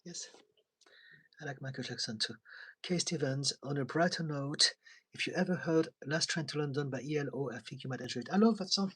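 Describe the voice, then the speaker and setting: Recorded roughly, this slightly rough, a little high, fairly quick male voice belongs to a weary therapist from France. Speaking with a French accent from his home in London, he chats on a live stream, reads viewer comments aloud, laughs frequently and murmurs soft asides.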